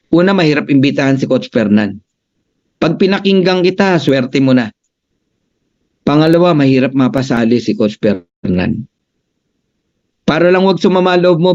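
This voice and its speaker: A man presenting as a business coach, emphatic and animated, addressing his audience directly, on a dull lo-fi recording. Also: on the high side.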